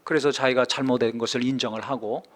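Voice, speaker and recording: A man preaching a sermon as pastor, building from calm explanation to impassioned, near-shouted climaxes. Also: medium pitch, fast.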